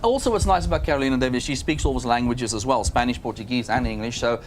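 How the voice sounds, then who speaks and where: Fast-talking upbeat South African salesman. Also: medium pitch, a little hiss or hum. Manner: enthusiastic, salesman-like. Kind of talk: upbeat promotional announcements in chat.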